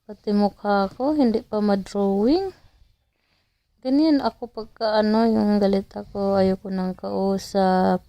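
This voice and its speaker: Young Filipina mom, Cebuano accent, unhurried rueful self-mocking vlog talk, dry close sound. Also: female voice, mid-range voice, darkish tone, dry recording. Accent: Filipino, Cebuano-speaking. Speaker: mother vlogger. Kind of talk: casual vlog monologue.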